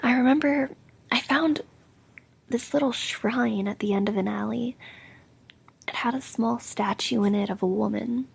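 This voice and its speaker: A woman doing an ASMR role-play as an affectionate, sleepy girlfriend, speaking softly, drowsily and intimately in a breathy soft voice with creaky edges. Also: on the high side, a little slow, long pauses. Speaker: roleplay audio performer playing a sleepy girlfriend.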